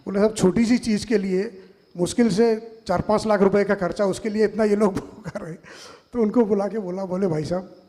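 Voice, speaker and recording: Brief: middle-aged male panel speaker, Madhya Pradesh Hindi accent, high voice, anecdotal storyteller, hall reverb. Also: steady tone, a little fast, dark tone. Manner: anecdotal, quotes others in dialogue. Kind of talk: storytelling talk to an audience.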